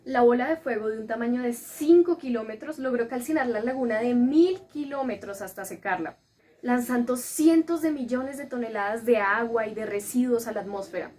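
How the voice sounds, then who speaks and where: A woman reading a scripted school presentation in an even, informative tone. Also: on the high side, normal speed.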